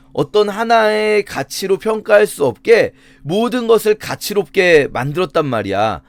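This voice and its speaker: A man's voice: high-pitched, dry recording. A man voicing God as a stern male figure who fires blunt rhetorical challenges.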